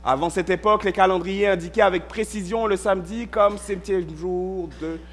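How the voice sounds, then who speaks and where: A man's voice: high-pitched, fairly even intonation, normal speed, slight background noise. A male pastor giving a sermon in a church, reading a passage and then walking listeners through it point by point, checking in with a frequent "ok". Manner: reads scripture, then explains step by step with frequent "ok".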